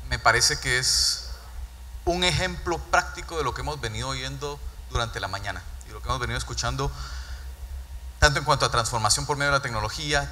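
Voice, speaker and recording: Man from Guatemala, thirties, corporate keynote speaker, very bright tone, handheld mic in a reverberant hall. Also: medium pitch, a little hiss or hum. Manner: earnest, repeats words while building points. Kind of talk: conference keynote talk. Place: large dark event stage.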